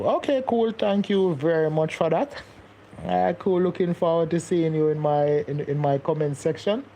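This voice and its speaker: This young Jamaican man hosts a casual live stream, reading comments and chatting with viewers while rambling and repeating himself. His voice sits on the high side, and the lo-fi recording carries slight background noise.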